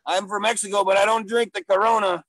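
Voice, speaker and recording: A man voicing a gruff, silly male gorilla who wants to be a stand-up comic, talking in broken English with loud bursts. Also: high-pitched, little pitch movement, fast talker, no echo. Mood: boastful. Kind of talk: improvised comedy character interview.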